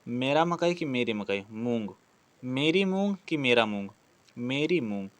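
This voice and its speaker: Expressive and slightly bright, this man's mid-range voice moves at an unhurried pace. He teaches Hindi grammar for exam preparation, explaining practice questions step by step while asking and answering his own questions.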